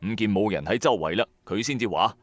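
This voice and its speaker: A man with a lowish, naturally lively voice talks fast, with no room sound and music running beneath him. He plays a bankrupt electronics trader, hard-pressed, hot-tempered and streetwise, who is the lead and narrates his own story in first person for a radio drama. His colloquial, emphatic telling carries an uneasy mood.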